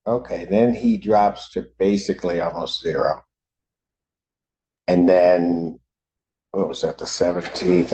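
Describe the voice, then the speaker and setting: A man's voice: fairly low pitch, warm tone. An older man speaking informally as a judge in court, blunt, folksy and plain-spoken. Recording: dull, muffled lo-fi courtroom audio.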